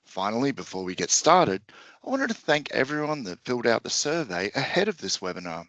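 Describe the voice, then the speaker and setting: A man hosting a software webinar in a friendly, upbeat, scripted way. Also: mid-range voice, big pitch swings, fairly quick, no echo, muffled recording. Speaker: webinar host.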